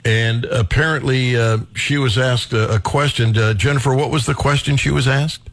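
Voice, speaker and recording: Male talk radio host, mid-pitched, casual and a little rambling, dry studio sound. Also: steady tone, no echo. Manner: casual, halting, many fillers and restarts.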